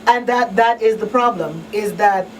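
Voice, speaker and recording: A woman hosts a live call-in talk show, speaking at normal speed in a mid-range voice. A talk show host and crisis counselor, she's emphatic and conversational, often asking "you know what I mean" to check listeners follow. The mic is distant, with faint background noise.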